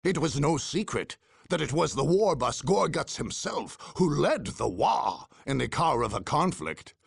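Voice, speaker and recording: An actor narrates video game cutscenes as a grave, theatrical chronicler of far-future war, his husky, gravelly voice delivered deliberately. The male voice is on the high side and exaggerated, with big pitch swings and a solemn, dramatic mood.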